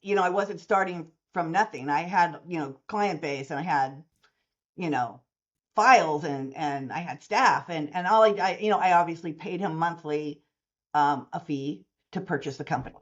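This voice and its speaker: A woman's voice: low-pitched, normal speed, dull audio. A woman in her sixties, a mortgage services company owner, talking in a long-form interview and acting out the voices of people in her stories. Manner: animated storyteller who acts out quoted dialogue.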